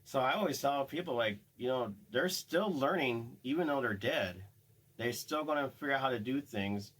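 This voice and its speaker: Man, casual podcast chat, mid-pitched voice, rambling, slips into acted-out quotes. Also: normal speed, fairly bright tone, husky, low-quality recording. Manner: rambling, acts out what spirits say. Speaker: paranormal investigator.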